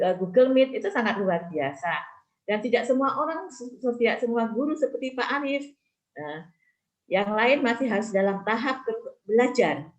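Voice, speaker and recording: A woman's voice: medium pitch, low-quality recording. A woman teacher explaining the school's plans to students on a video call, with fillers. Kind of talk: online school forum reply.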